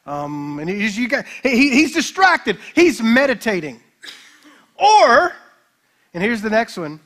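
A man with a high, ringing voice preaches at a church service. He retells the scripture story as an animated, joking storyteller and throws in playful asides to the congregation. His tone stays bright and forward throughout. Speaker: pastor. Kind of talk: sermon.

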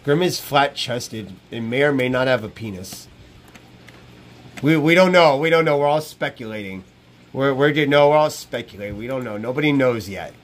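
With lively intonation at normal speed, a mid-range-voiced man in his thirties rambles through live stream chat from a small room. He's brash and profane and repeats himself often, talking into a wired earbud headset mic.

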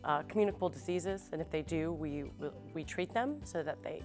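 Woman, thirties, public health nurse, lowish voice, hedging, conversational, faint music. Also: a little fast, darkish tone. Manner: thoughtful, conversational with hedges. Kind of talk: interview.

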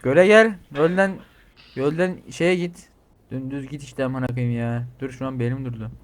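A man giving crude, excitable commentary while playing a game, reading out the other characters' lines and yelling when startled. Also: medium pitch, normal speed. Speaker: gaming streamer. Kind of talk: swearing playthrough commentary.

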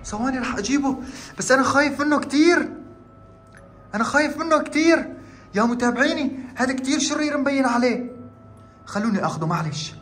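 A man narrating a horror prank vlog at home, excitable and acting scared as he talks to his viewers. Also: extremely high pitch, a little fast, pauses often, echoey room. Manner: excitable, feigning fear, addresses viewers. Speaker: vlogger. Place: room at home.

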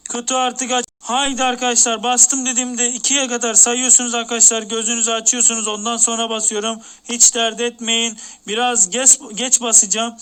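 A man streaming a game live, talking in an excited, repetitive countdown style. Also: very high voice, smooth. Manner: repetitive, hyped countdown talk.

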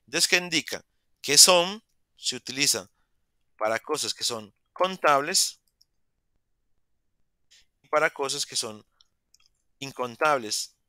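A man's voice: mid-range voice, lively intonation, slow, long pauses, bright, forceful tone, dry recording, clean studio sound. A man, teaching English in a virtual class and patiently repeating words to model pronunciation. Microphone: video call.

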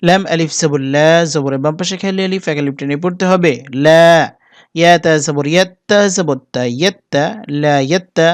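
A man with a Bangladeshi Bengali accent teaching Quran reading, spelling out Arabic letters slowly and deliberately, then chanting the verses in a melodic recitation. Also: on the high side, no echo, studio quality.

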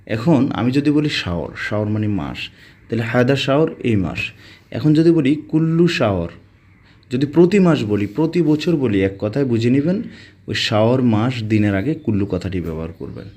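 Brief: male language teacher, mellow tone, patient word-by-word drilling. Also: medium pitch, expressive, breathy edge. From Bangladesh. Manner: slow, repetitive word-by-word explaining. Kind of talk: spoken vocabulary lesson.

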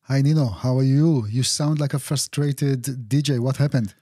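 A man co-hosting a casual podcast, teasing and cutting in with quick remarks. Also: medium pitch, steady tone, dark tone, husky, no echo, clean studio sound. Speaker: podcast co-host.

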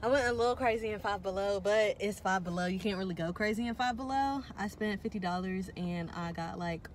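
A young woman vlogs while driving, rambling casually in a slangy, self-deprecating way and sounding a bit out of breath. Her mid-range voice is fairly quick, with clear background music and slight noise in the car.

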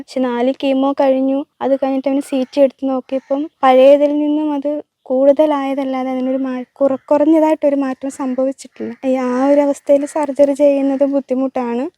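A young mother, speaking softly in a strained, pleading way during an interview. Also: sits high, no room sound. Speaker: mother of a sick child. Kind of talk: interview appeal. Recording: dull, dry lo-fi recording.

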